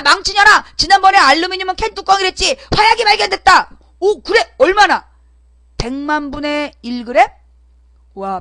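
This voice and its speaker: Brash, bright-voiced woman show host. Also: high voice, no echo. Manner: brash and combative, rhetorical questions and swearing; acts out voices of opponents in her stories. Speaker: internet talk show host. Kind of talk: solo political talk broadcast.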